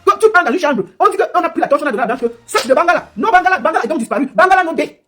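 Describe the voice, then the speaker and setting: A woman's voice: high-pitched, expressive, a bit bright, soft background music. A woman giving a scolding, mocking live commentary. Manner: scolding, mocking, rapid-fire. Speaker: livestream commentator.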